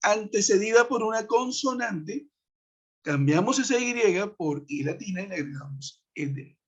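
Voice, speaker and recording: Over a web conference, a man explains English grammar to his online class, patiently taking each rule step by step and checking in with students. His high voice is lively in intonation, fairly bright and slightly breathy, at a normal speed. The computer mic gives dull, lo-fi web conference audio.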